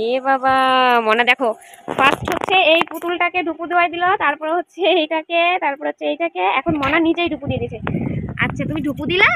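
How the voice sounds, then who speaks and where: A woman's voice: high voice, noisy background. A woman playing with a small child, using coaxing, sing-song baby talk full of questions. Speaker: caregiver playing with a toddler.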